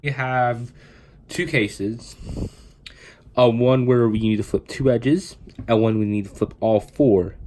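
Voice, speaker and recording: Here the cubing tutorial host, a young man stuffed up from a cold, explains puzzle moves loosely and casually, wandering as he goes. His medium-pitched voice is steady, slow and dark in tone, over a faint hiss or hum.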